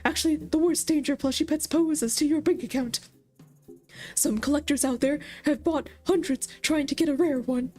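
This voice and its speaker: A woman's voice: moderate pace, a little mellow, lightly acted. A woman voices a tiny plush robot companion, smug and sarcastic. It brags in a raised, lilting voice over faint music. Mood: boastful. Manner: boastful, snippy, high and bouncy.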